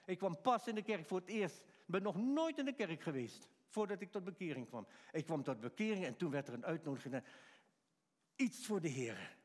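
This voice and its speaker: A man preaching in a church, his voice high for a man and trailing off into a long hall reverb. He is animated, acting out quotes and chuckling as he goes. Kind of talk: sermon.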